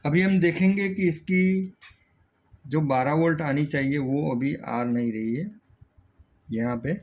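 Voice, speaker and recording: A man with an Indian accent teaches auto electrical repair in a hands-on tutorial, explaining step by step and regularly checking in with the learner. He sounds on the high side, unhurried and darkish in tone. The dull lo-fi recording carries faint background noise.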